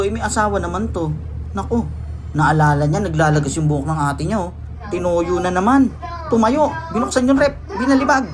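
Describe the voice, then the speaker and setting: A woman giving comic voice-over commentary on a video, excitable and bossy, swearing and talking straight to the people on screen. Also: on the low side. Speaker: reaction commentator.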